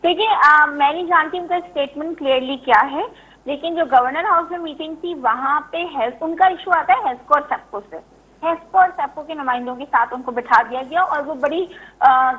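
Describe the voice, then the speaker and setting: A woman's voice: high-pitched, normal speed, fairly bright tone, low-quality recording. A woman politician from Karachi, a guest on a political talk show, who makes her case insistently and repeats her points for emphasis.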